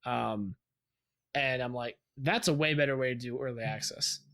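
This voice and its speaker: A man co-hosting a gaming podcast in casual chat, rambling and steering the talk with many pauses. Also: mid-range voice, a bit bright. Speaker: podcast co-host.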